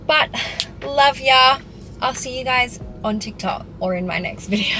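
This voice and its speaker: A woman's voice: high-pitched, unhurried, pushed and bright. Chatty young Australian woman, music under. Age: 20s. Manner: chatty, peppered with "like". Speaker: fitness vlogger. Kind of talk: casual Q&A to camera. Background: background music.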